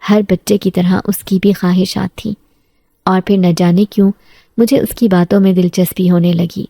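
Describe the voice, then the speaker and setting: A woman narrating a scripted first-person horror story in a steady storytelling voice, close to the mic. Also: mid-range voice, vocal fry, no room sound.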